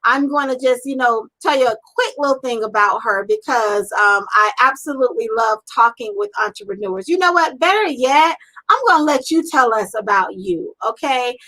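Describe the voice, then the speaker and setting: A woman's voice: on the high side, expressive, normal speed, pushed and bright, poor audio. A woman hosting a live-streamed interview, talking in an effusive, upbeat and encouraging way. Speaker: interview host.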